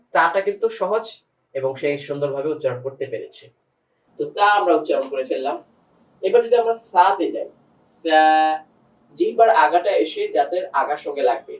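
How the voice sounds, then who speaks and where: A man teaching a step-by-step pronunciation lesson for reading the Quran. He patiently repeats each letter sound and speaks straight to a student and to the viewers. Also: a little high. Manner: addresses a student and the viewers directly. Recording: roomy sound, voice from a distance.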